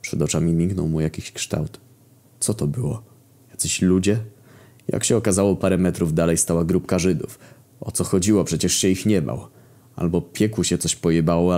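A man narrating a crude, darkly comic story in a wry, deadpan way. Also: low-pitched. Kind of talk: casual profane story narration.

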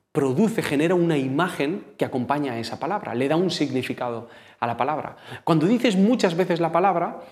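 A man with a Spain Spanish accent preaching a sermon in a conversational, storytelling way, speaking directly to the congregation. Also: mid-range voice.

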